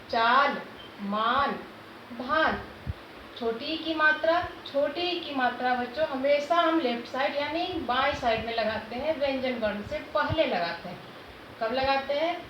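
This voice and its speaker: A high-voiced woman teaches young children, asking questions and answering them herself as she sounds out syllables one by one. The recording is dull and low-fi, with room echo and steady noise behind her. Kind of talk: classroom lesson explaining Hindi vowel signs.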